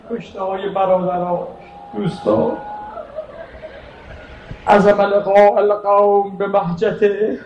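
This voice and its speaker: A man delivering a mourning sermon, narrating in plain speech and breaking into shouted, wailing chant. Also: noisy background. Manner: rises into shouted wailing chant, then drops to low narration. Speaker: eulogist. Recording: echoey, distant mic, faint ambience.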